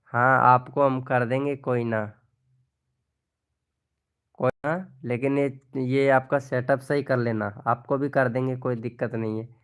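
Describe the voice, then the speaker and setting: A man runs a casual live stream, reading viewers' comments and calling out names as he chats. His voice is smooth and clear, and he speaks at a slow, easygoing pace. He laughs easily and keeps the talk friendly. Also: mid-range voice, fairly even intonation, a bit bright. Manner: chatty, addresses viewers by name, laughs often. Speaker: live stream host promoting channels.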